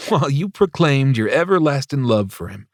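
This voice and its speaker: A man's voice: lowish voice, brisk, no echo, studio quality, natural voice. A man voicing a playful young male friend who teases in a gleeful, sing-song way. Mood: teasing.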